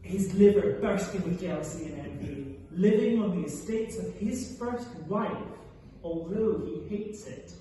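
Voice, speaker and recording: Man reading as a slow, sardonic country gentleman, echoey hall. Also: high-pitched. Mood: bitter, scornful. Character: bitter, idle middle-aged Russian country gentleman. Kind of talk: stage play read aloud from a script. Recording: echoey hall from far off, faint noise.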